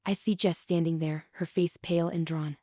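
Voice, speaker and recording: A woman reading a first-person relationship drama as scripted narration, in an even, measured way. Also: on the low side, no room sound, clean studio sound.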